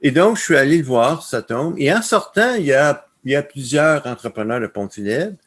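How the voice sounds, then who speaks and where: A man's voice: mid-range voice, normal speed. A man with a Québécois accent presenting slides on a webinar, telling stories and laughing often. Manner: laughs often, animated storytelling. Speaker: conference speaker.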